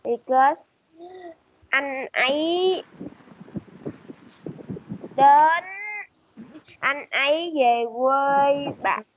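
A girl pupil answering haltingly in an online class, searching for words. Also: high-pitched, a little hiss or hum. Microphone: video call. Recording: dry, muffled online-call audio.

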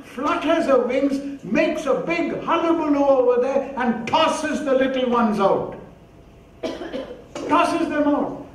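A man preaching a sermon, telling an animated story with repeated exclamations. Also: extremely high pitch, a little hiss or hum. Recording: distant mic in a reverberant hall.

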